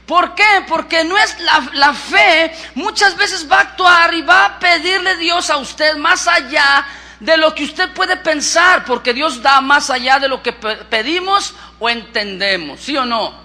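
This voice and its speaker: A man with a Mexican accent, a pastor preaching a lively sermon and questioning his congregation. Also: very high voice, a little slow. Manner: lively, acts out scripture, asks the congregation questions.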